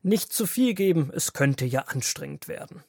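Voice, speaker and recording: A man narrating as a grandfather figure, reading a Bible story aloud in a calm storytelling manner for a children's audio drama. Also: a little high, normal speed, no room sound, studio quality.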